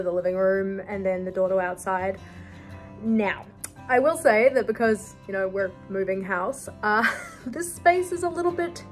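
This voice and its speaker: A young woman gives a casual, chatty tour of her house with wry asides, filmed on a phone at arm's length. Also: a little high. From New Zealand. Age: young adult. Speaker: vlogger. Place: house, indoors, moving room to room. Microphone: phone held at arm's length.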